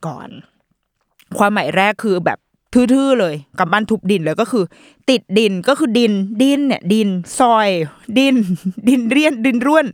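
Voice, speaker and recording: A woman hosting a parenting podcast in a chatty, playful way, full of fillers and quick asides. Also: mid-range voice, animated, no room sound, clean studio sound. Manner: chatty and playful, with lots of fillers and mock quoted voices. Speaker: podcast host. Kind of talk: casual parenting chat.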